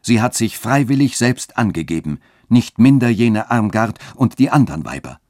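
A man's voice: lowish voice, sing-song, normal speed, a little mellow, no room sound, clean studio sound. A man reading a literary radio story and voicing a wrathful, fanatical bishop who thunders his commands. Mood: stern.

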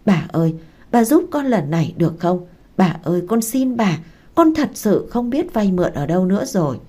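A woman voicing a poor young woman pleading for a loan in a halting, choked-up way. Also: mid-range voice, big pitch swings, warm tone. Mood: begging.

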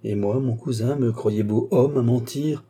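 A man's voice: medium pitch, measured pace, warm tone, slightly rough. A man reading an audiobook, voicing an earnest young man who speaks firmly and respectfully to his older cousin. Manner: earnest, firm.

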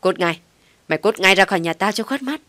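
A woman voicing a harsh older mother-in-law who yells insults. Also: mid-range voice, lively intonation, fairly quick, dry recording. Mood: screaming. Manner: yelling, insulting.

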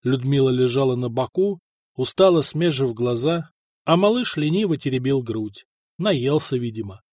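A man narrating a historical novel in a measured, even storytelling manner. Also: medium pitch, no room sound, studio quality. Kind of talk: audiobook narration.

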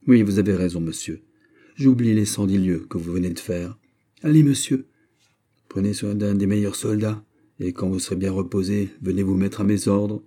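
A man voicing a proud young king in an audiobook, speaking in a lofty, commanding way, higher than his narration. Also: moderate pace, warm tone, natural voice. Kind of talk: audiobook character voice.

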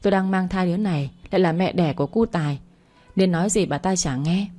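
A woman reading as a spiteful young mistress in an audio story, sneering and needling in a low, mellow voice. She talks down with cold contempt, every line a jab. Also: fast talker, lightly acted. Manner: taunting, sneering.

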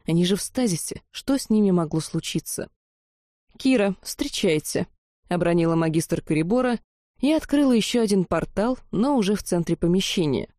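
A woman narrating a first-person fantasy audiobook in a lively, amused storytelling manner. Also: on the low side, brisk, dry recording, studio quality.

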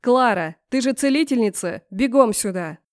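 A commanding winged man with a curt, mocking edge, read by a woman narrator. He barks his words in short bursts, in the same even register as the storyteller. The storybook sound is dry and close. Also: mid-range voice, moderate pace, dry recording, close to an everyday voice. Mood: barking orders. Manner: brusque, barking orders. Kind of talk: audiobook character voice.

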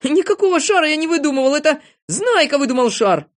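A woman voicing a boastful, bossy little boy from a storybook, squeaky and fussy. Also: wildly swooping pitch, fast talker, husky, exaggerated voice. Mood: flustered.

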